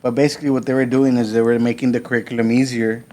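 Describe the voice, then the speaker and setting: A man in his thirties from South Texas, a podcast guest telling his story in a relaxed, rambling way with lots of fillers. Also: medium pitch, racing. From South Texas, USA. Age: 30s. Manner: relaxed, laid-back, many fillers and restarts. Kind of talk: casual conversational storytelling.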